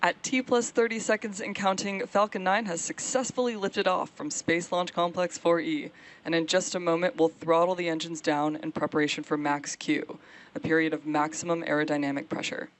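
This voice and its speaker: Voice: medium pitch, flat delivery, normal speed. A launch webcast host giving explanatory live commentary on a rocket launch.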